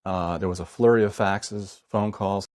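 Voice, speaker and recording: A man's voice: low-pitched, fairly even intonation, normal speed, a little mellow, no room sound, studio quality. An American man tells a personal story as a testimonial about his own family. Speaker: client's son giving testimonial.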